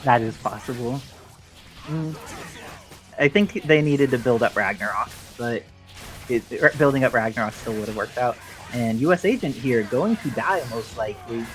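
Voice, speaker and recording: A man's voice: medium pitch, moderate pace, fairly bright tone, faint music behind, rough recording. A man giving live play-by-play commentary on a fighting game tournament, explaining mechanics and history at length. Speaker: esports commentator.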